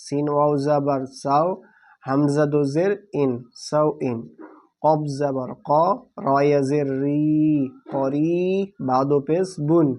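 Male Quran reading teacher with a Bangladeshi Bengali accent, slightly raised pitch, flat even delivery, spells out syllables one by one for beginners. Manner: spells out letters and vowel marks syllable by syllable; slow, drawn-out, deliberate delivery. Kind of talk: slow spelled-out recitation lesson.

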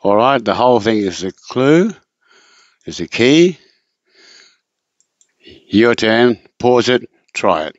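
A man's voice: medium pitch, big pitch swings, no room sound. A man tutoring in a casual spoken lesson, patient and repetitive, often circling back over points in a dull, lo-fi recording. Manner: patient, repetitive, drawn-out explaining.

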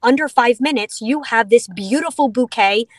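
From inside a vehicle on a video call, a middle-aged woman speaks at normal speed in a slightly high voice. She represents a dog food company and describes the product eagerly, adding playful asides, and the recording is clean studio quality with no room sound.

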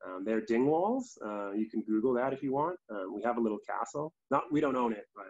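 A Calgary man in his twenties, a theatre artistic director, chats casually as a guest over a video call from a small indoor room, his Canadian accent clear. His mid-range, slightly mellow and rough voice is lively and fairly quick, though the laptop audio sounds dull.

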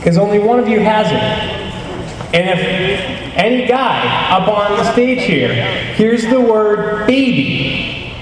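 A man hosts a comedy hypnosis show from a theatre stage, projecting drawn-out instructions to the hall. His pitch is very high and swings widely. The sound is distant and heavily echoing, with loud crowd noise around him. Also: very animated. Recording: echoey hall from far off, noisy crowd. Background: loud audience crowd noise.

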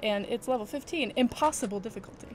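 A woman's voice: a little high, fast, slight background noise. A woman co-hosting a couch co-op game playthrough, laughing often as she explains the quests in detail. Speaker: let's play co-host. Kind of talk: casual gameplay chat. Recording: game music playing behind.

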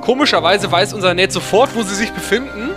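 A man's voice: high-pitched, expressive, a little fast, over music. A man giving casual, chatty gameplay commentary in a playful, ironic way. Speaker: let's player.

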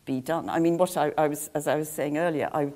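An older woman in her sixties speaking on a discussion panel, with a halting manner and frequent restarts. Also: low-pitched, steady tone, warm tone. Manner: hesitant, many restarts, gesturing. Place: large room with a seated audience.

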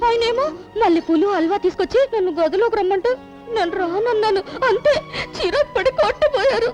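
Fussy, devout wife. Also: female voice, very high-pitched, brisk. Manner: pleading, complaining, dramatic. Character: devout, fussy young wife, fond of vows. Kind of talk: film dialogue. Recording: music score behind.

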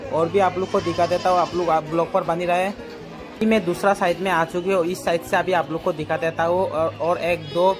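A man's voice: high voice, little pitch movement, moderate pace, music in the background. A young man chatting to his viewers while vlogging through an outdoor market, talking into a phone held at arm's length. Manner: chatty, addresses viewers as guys, asks prices. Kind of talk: casual market vlog narration.

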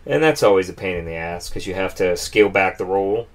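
A man hosting an interview who makes low-budget films, talking casually and frankly. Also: lively intonation, quick pace. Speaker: host, low-budget filmmaker.

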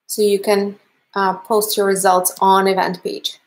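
Her medium-pitched voice shows little pitch movement and keeps a measured pace, with a little hiss or hum in the background. A friendly, upbeat painting instructor in her thirties from Canada with a Russian accent, she is finishing a livestream class indoors in her home art studio.

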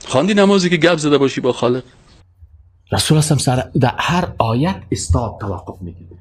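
A man's voice: mid-range voice, lively intonation, husky. A man preaching a sermon, emphatic, asking rhetorical questions and reciting verses.

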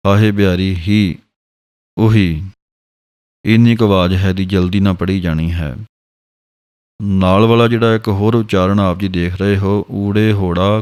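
A man with a Punjabi accent, teaching scripture pronunciation in a slow, patient way and spelling out each syllable. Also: fairly low pitch, darkish tone, clear, resonant tone. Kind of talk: slow, careful pronunciation lesson.

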